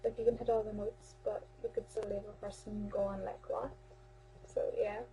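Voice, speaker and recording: A woman's voice: mid-range voice, flat delivery, normal speed, dark tone, slight background noise, poor audio. A young Irish woman in her teens chatting casually to a webcam about amateur theatre, rambling, with many fillers and restarts. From Ireland. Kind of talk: casual vlog chat.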